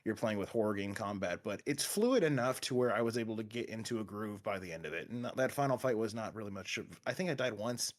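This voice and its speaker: A man's voice: lowish voice, animated, fast talker, few pauses. A man co-hosting a casual gaming podcast, talking in long rambling runs with many restarts and fillers. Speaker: podcast co-host.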